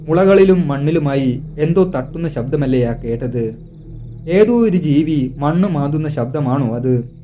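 A man narrating a tense hunting story in a suspenseful, hushed storytelling manner. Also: on the high side. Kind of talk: dramatic scripted narration. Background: soft background music.

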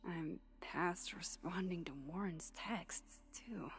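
An actress voicing a quiet, wry young woman in a video game, speaking softly, at times almost in a whisper. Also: on the low side, slow pace, slightly rough, full character voice. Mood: hushed wry. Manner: soft, hushed and dry, often near a whisper. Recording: game audio with steady noise behind.

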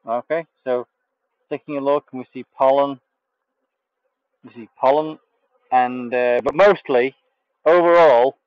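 During a live beekeeping stream from an outdoor bee yard, a man with a medium-pitched voice chats casually and hesitantly, using many fillers while he works a hive. He's off frame on the camera mic; the audio is dull, with no room sound.

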